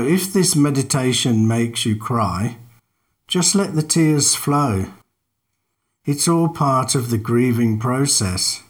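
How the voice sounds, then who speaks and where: A man leads a guided meditation at a very slow pace. His voice sits at a middle pitch, and his delivery is calm and measured. He gives each instruction with long pauses around it.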